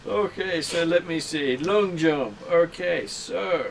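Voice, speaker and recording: A man's voice: fairly high pitch, takes it slowly, creaky. A man running a tabletop role-playing game as game master, explaining things in a hesitant way. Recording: faint room hum and noise.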